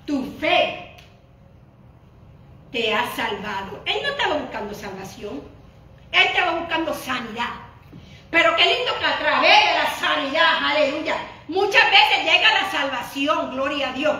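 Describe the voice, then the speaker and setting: A woman preaches a fervent Pentecostal sermon in a high, bright voice. She swings from loud emphatic bursts to hushed, prayerful asides, dotted with hallelujahs. The mic sits far off in a strongly echoing church hall. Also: animated, a little slow. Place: church sanctuary.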